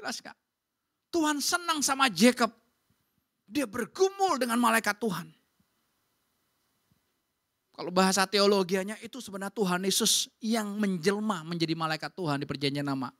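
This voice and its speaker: A woman pastor preaching a sermon in a church, talking in a lively, conversational way straight to the congregation. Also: medium pitch, normal speed, long pauses.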